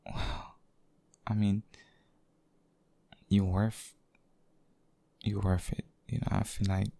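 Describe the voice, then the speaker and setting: A man voicing a devoted, possessive boyfriend in an intimate, hushed ASMR role-play, speaking haltingly and tenderly. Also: on the low side, level tone, gravelly, breathy edge, heavily acted. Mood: earnest, devoted. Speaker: audio role-play performer.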